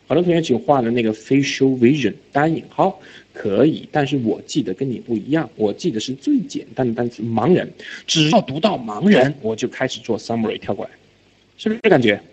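A man teaching IELTS reading in a recorded lecture, animated, often asking whether students follow and dropping English words into his talk. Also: medium pitch, a little fast, breathy edge. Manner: mixes English words into speech. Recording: slightly dull lo-fi lecture audio.

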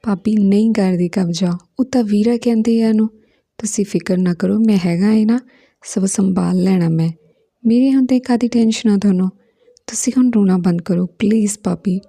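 A woman's voice: medium pitch, normal speed, dark tone, natural voice. A woman reading the part of a teasing, reassuring young man who coaxes his sister-in-law in a storybook reading. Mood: coaxing.

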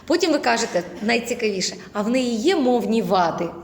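A woman teaching a voice acting lecture, lively and demonstrative, who keeps slipping into other voices for examples. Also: on the high side, fairly quick, roomy sound, big-room sound.

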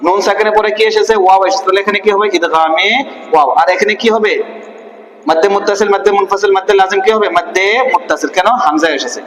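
Man teaching Quran reading, Bangladeshi Bengali accent, high voice, long reverb. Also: a bit bright. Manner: drills syllables slowly, asks and answers his own questions. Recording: echoey room with long reverb.

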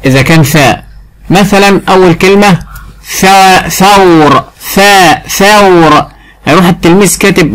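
A man with an Egyptian Arabic accent teaching a phonics lesson to a child, stretching out syllables slowly and clearly. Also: fairly high pitch, a bit bright, rough recording. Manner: drawn-out, exaggerated syllable sounding.

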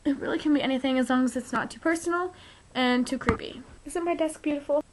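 A woman's voice: high voice, quick pace. A young woman chatting to camera in a casual vlog, rambling and stumbling over her words. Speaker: vlogger.

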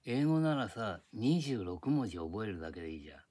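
Older man vlogging alone at home, low voice, chatty and grumbly, drifts topic to topic. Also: sing-song, a little fast, darkish tone. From Japan. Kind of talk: rambling casual monologue. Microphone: tablet microphone.

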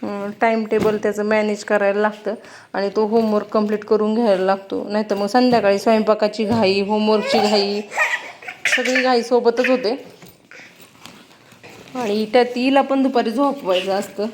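A woman with a Marathi accent talks her children through their chores, coaxing and gently instructive. Her voice sits at an ordinary middle pitch. A faint hiss of noise stays behind her the whole time. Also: steady tone, moderate pace. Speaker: vlogger and mother. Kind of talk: casual family vlog talk.

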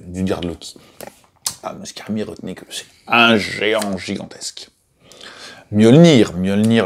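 A man's voice: lowish voice, creaky. A man casually telling the stories behind a board game's mythology, chatty and full of fillers, stressing each new name. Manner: chatty, many fillers, lively emphasis on names. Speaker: game publisher presenting lore. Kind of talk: casual storytelling explanation.

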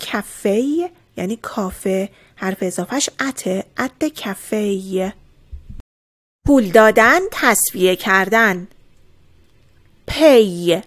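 Woman slowly drilling English verbs. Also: on the high side. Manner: repeats each word slowly and clearly, explaining calmly. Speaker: English teacher. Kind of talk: slow drilled vocabulary lesson.

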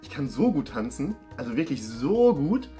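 Performing in an improvised date sketch at a dining table on an indoor studio set, a man in his 20s speaks at normal speed in a warm, sing-song, medium-pitched voice. He plays the comic role in a theatrical, repetitive, exaggerated way over background music.

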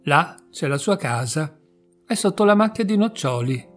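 A man voicing an innocent little girl in a storybook reading, speaking slowly and earnestly. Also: fairly high pitch, animated, soft background music, natural voice.

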